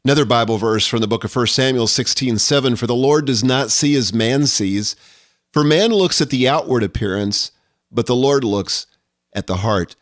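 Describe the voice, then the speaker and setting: A middle-aged man talks through a solo podcast episode in an earnest, reflective way, sometimes reading quotations aloud. His voice sits at an ordinary pitch. The recording is close and dry, with no room sound. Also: normal speed, no echo. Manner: earnest, reflective, quotes scripture. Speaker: podcast host. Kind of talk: solo podcast monologue on leadership.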